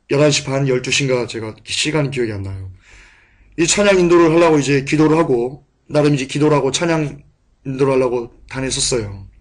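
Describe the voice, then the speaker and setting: A man preaching a sermon and telling a personal testimony, moving between hushed, quiet recollection and loud, passionate outbursts. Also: mid-range voice. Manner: impassioned, swings from hushed to shouting.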